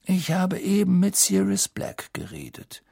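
A man voicing a calm, wise old male headmaster who speaks in a quiet, measured and firm way. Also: sits high, creaky, no room sound, clean studio sound, pitched above the performer's own voice, full character voice.

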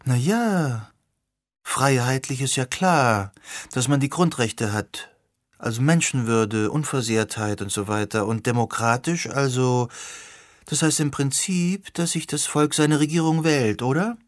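A man voicing an excited young woman who asks eager, probing questions. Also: medium pitch, unhurried, dry recording, studio quality, natural voice. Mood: questioning.

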